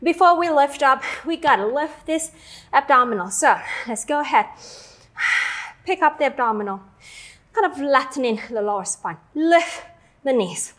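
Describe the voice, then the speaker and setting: A woman leading a Pilates mat class, giving short, calm movement cues and counting out the reps. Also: high-pitched, normal speed. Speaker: Pilates instructor. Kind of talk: workout class instruction.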